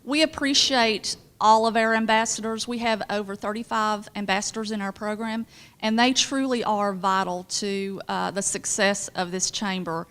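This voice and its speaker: A woman's voice: medium pitch, steady tone, normal speed, a bit bright, clean tone. A woman hosting a chamber of commerce event, making polite, gracious announcements.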